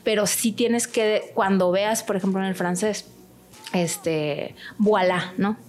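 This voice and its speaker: A woman's voice: mid-range voice, slow pace, a little mellow. A woman with a Mexican accent from Sinaloa, a translator and language school director, chatting in an interview and explaining things with lots of fillers. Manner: chatty, explanatory, with many fillers like este and pues. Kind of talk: casual interview chat.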